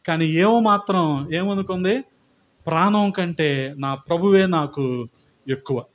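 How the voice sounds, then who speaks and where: Man pastor, slightly high-pitched, preaching with dramatic storytelling swings and rhetorical questions. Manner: dramatic storytelling, acting out quoted voices, rising and falling in pitch and loudness; repeats phrases and asks the audience rhetorical questions. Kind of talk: sermon.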